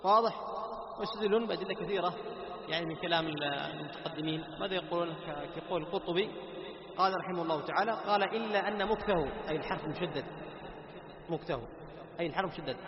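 A man lectures a class on recitation at a quick clip in a fairly high voice. He keeps asking questions and answering them himself, repeating key phrases. The sound is dull and lo-fi, with a long echo and noise behind him. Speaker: Quran recitation teacher. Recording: echoey hall with dull lo-fi sound and background noise.

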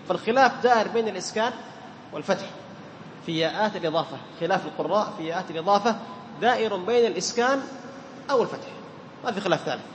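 A man teaching the rules of Quran recitation to a class, quizzing his students and repeating key terms, chanting the verse examples slowly. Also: high voice, long reverb tail, a little hiss or hum.

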